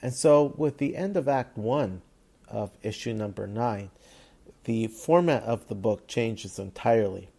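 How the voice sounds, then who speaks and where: A man hosting a podcast, retelling a comic book story in a measured, thoughtful way. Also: fairly low pitch, expressive, creaky, mellow. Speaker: podcast host. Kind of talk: casual podcast commentary.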